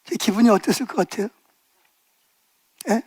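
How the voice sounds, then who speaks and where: A man's voice: sits high, normal speed, a little mellow, husky. A man in his sixties, a pastor preaching a sermon, telling stories and asking the congregation rhetorical questions, building to emphatic bursts.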